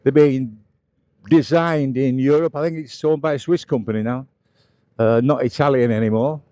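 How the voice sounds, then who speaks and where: Mellow middle-aged British man, casual riding commentary. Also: medium pitch, normal speed. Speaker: motovlogger narrating a ride. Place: outdoors, riding a scooter on roads.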